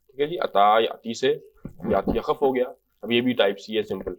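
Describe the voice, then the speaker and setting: A man giving an Arabic grammar lecture in Urdu, reading out example phrases and translating them patiently line by line. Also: medium pitch. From Pakistan. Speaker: Arabic language teacher.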